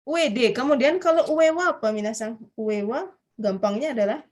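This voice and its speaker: A woman with an Indonesian accent and a voice on the high side teaches a Japanese grammar class online at normal speed. She explains things step by step and often puts questions to her students.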